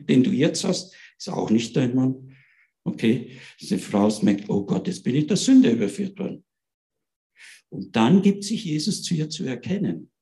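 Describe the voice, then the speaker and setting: Man, preaching in a chatty way, mid-pitched, checks in with listeners. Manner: retells scripture in lively everyday speech, asks listeners "ja?". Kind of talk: informal Bible talk.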